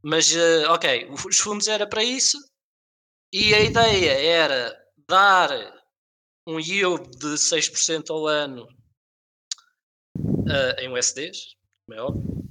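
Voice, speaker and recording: Male podcast co-host, European Portuguese accent. Slightly high, sharp-edged voice, casual and explanatory.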